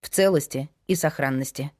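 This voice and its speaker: A woman's voice: low-pitched, fairly quick, darkish tone, pitched below the performer's own voice, lightly acted. A woman voicing a young woman, a frank and resolute investigator, in an audiobook. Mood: hesitant.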